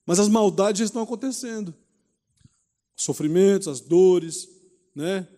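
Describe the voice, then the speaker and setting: A Brazilian pastor teaches a Bible study in a high but mellow voice, at a measured pace. His sermon teaching is easy and conversational, sprinkled with rhetorical questions. A long echo carries his words through a church hall, as though he faces a congregation.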